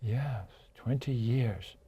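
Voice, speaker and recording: A man's voice: mid-range voice, very slow, warm tone, breathy edge. An older man hosting an interview, asking questions in a chatty way with joking asides. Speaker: interview host.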